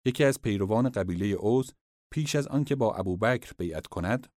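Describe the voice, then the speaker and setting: A man giving formal, measured scripted narration of religious history. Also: fairly low pitch, expressive, a little mellow, no echo, clean studio sound.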